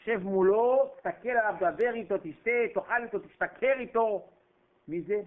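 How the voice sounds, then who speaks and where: Male preacher, dramatic storyteller who acts out the voices, high register, thin phone-like sound. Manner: dramatic storytelling, acting out voices with sudden pitch jumps. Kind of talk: sermon. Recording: tinny phone-like recording.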